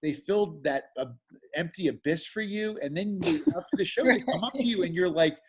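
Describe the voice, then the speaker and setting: A male comedian in casual chat, animated, acting out audience members with plenty of swearing. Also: sits high, brisk, husky.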